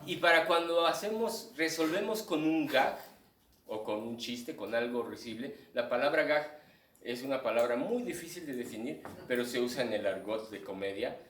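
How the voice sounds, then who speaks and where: A man's voice: medium pitch, expressive, normal speed, a bit bright, a little hiss or hum. A man with a Mexican accent, a clown presenting his book, explaining stage timing to a live audience and acting out what they think. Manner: explanatory, acts out audience thoughts in asides. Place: live event room with audience. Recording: echoey room, distant mic.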